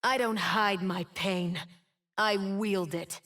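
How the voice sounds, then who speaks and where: Voicing a proud, immortal winged woman in a video game, an actress delivers scripted lines with solemn, dramatic defiance and a wounded mood. Her mid-range voice is fairly bright, with fairly even intonation, and she speaks slowly.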